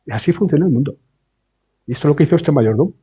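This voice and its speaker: A man preaching a sermon, often asking rhetorical questions and slowing down to stress key words. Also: fairly high pitch, lively intonation, mellow, breathy edge. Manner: rhetorical questions and tag checks like eh and no. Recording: dull lo-fi sound.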